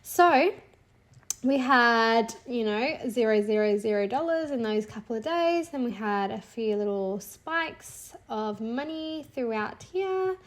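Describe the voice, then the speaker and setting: Speaking slowly, a woman in her thirties shares her monthly clipart income report in a relaxed screen-share walkthrough, peppering her talk with "like" and "so." A cold makes her slightly high voice a little nasal, yet she sounds upbeat and laughs lightly now and then.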